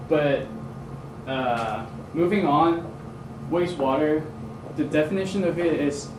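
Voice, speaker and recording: A young man, giving a student presentation to a community group in a hesitant way, with many fillers and restarts. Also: mid-range voice. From Hong Kong. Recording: roomy, distant mic, noisy.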